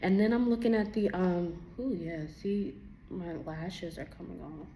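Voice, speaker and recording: Young woman, gravelly and low-pitched, teary, animated storyteller acting out dialogue for a casual faith testimony. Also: unhurried, muffled recording. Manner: animated, acts out her own dialogue. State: teary from crying. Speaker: vlogger giving a testimony.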